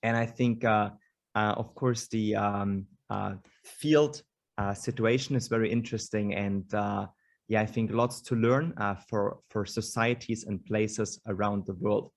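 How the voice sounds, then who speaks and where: A man's voice: lowish voice, steady tone, unhurried, vocal fry. A man hosting an online panel over a video call, introducing speakers with many hesitations and fillers. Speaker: host.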